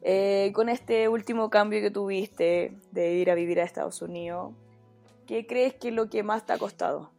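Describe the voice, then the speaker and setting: A woman's voice: medium pitch, normal speed, creaky, darkish tone, faint music behind. A woman co-hosting a casual podcast, giving short agreeing replies and asking questions. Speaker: podcast co-host.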